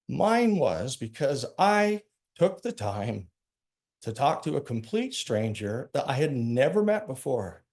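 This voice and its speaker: A man telling a heartfelt personal story as a speaker, earnest and emphatic, slowing down to stress his key lines. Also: medium pitch, a little mellow.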